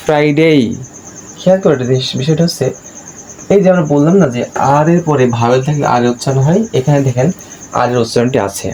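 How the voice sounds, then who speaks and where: A man teaching English pronunciation in a casual video lesson, repeating each word slowly to drill it. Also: medium pitch, dark tone, slight background noise, poor audio.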